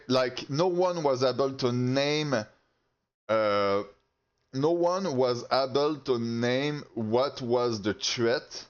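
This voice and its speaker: Brief: a man ranting to camera, fired up and foul-mouthed, stumbling over his words, mid-pitched, recorded on slightly muffled audio. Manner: heated, profane, halting with restarts. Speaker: channel host. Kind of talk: casual rant to camera.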